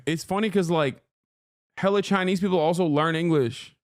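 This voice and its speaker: A native Turkish speaker from Turkey hosts a casual live-stream reaction, bluntly teasing his viewers. His voice is fairly high-pitched and moves at a normal speed, recorded at studio quality with no echo.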